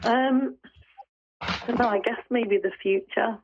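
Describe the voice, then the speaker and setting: A woman's voice: on the high side, a little slow, noisy background. A woman from the UK calling in to a show, speaking hesitantly over a clipped phone line. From United Kingdom. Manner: hesitant, unsure. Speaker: caller. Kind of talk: call-in chat. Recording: muffled phone call.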